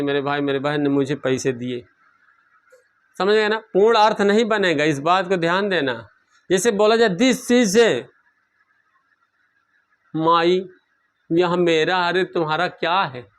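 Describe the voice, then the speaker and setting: A man's voice: a little high, a bit bright. A man teaching a grammar lesson, asking questions and answering them himself, repeating key terms.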